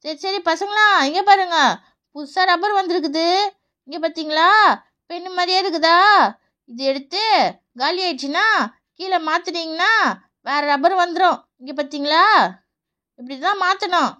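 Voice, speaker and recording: A woman voicing an elderly grandmother shopkeeper in a children's cartoon, bossy and quick to scold. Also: very high-pitched, pushed and bright, voice pushed down. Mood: showing wares.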